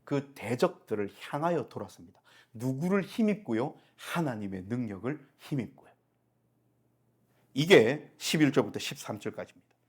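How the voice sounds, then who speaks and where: A man's voice: mid-range voice, lively intonation, normal speed, breathy edge. A middle-aged male pastor preaching a Sunday sermon, asking the congregation rhetorical questions and answering them himself.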